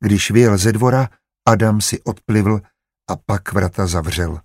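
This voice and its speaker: A male narrator reading a historical novel in an even, measured way. His voice is low and husky. The recording is dry and close, with no room sound. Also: dry recording. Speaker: audiobook narrator. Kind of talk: scripted narration.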